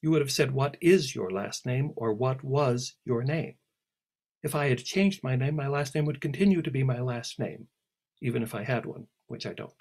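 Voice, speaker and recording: A man reading aloud and voicing a haughty, contrary young mermaid girl, bossy and careless in manner, with a slightly husky voice. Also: medium pitch, moderate pace, a little mellow, close to an everyday voice.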